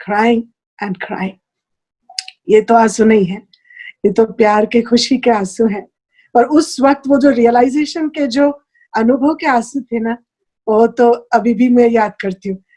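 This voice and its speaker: High-voiced woman sharing a spiritual testimony. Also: takes it slowly, darkish tone. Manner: earnest, heartfelt, mixes in English phrases. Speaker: guest sharing a spiritual experience. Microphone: video call.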